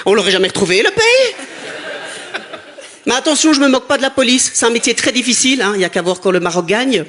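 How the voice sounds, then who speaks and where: High-voiced man doing stand-up from Brussels. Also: very animated, fast talker, slight background noise. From Brussels, Belgium. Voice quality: high, soft voice that wavers. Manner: joking banter with the audience, self-mocking. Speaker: stand-up comedian. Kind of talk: stand-up comedy set. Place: theater stage before a live audience. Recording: live stage recording with loud crowd. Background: loud audience laughter and cheering.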